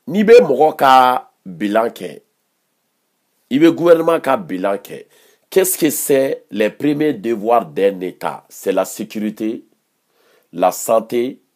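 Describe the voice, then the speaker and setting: A man's voice: medium pitch, darkish tone. A man with a Malian accent giving heated political commentary, combative and mocking, repeating phrases for emphasis.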